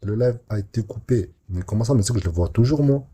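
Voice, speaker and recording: Deep, dark, husky man chatting casually. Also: quick pace. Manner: laid-back, explaining and chiming in. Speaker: co-host on a livestream. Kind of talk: casual livestream chat.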